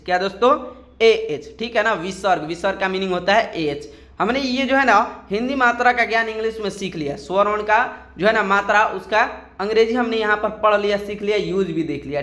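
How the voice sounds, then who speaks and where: Male teacher, high voice, patient and repetitive, echoey room. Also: fairly bright tone. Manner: repetitive, checks in with "theek hai na" and "kya dosto". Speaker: English teacher. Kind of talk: explanatory lesson.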